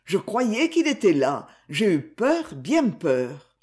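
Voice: medium pitch, wildly swooping pitch, takes it slowly, a little mellow. A reader voicing a sick, remorseful young boy in an audiobook, anxious and pleading. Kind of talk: audiobook character reading.

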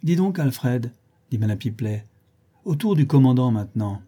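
A man's voice: medium pitch, animated, normal speed, warm tone, husky. A man voicing a gossipy, scheming old female concierge in a raised, chattering voice.

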